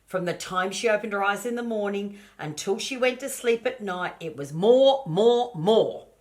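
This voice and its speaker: Her voice medium in pitch and her speed normal, an older grandmotherly woman gives an expressive reading of a children's storybook. She breaks in with asides addressed directly to her grandchildren.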